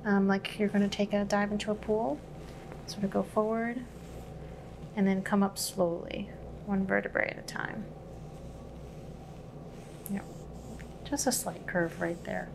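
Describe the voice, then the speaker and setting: A woman plays medical examiner in a soft ASMR style, with a noticeable fry in her voice. She guides calmly and gently, step by step, over clearly audible background noise. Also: mid-range voice, unhurried, long pauses. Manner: calm, gently instructing, explaining each step. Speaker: medical examiner giving a physical exam.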